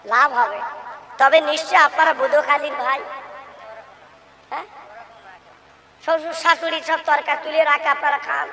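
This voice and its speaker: A woman preaching an emotional waz sermon, telling stories with shouted peaks. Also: sits high, long reverb tail.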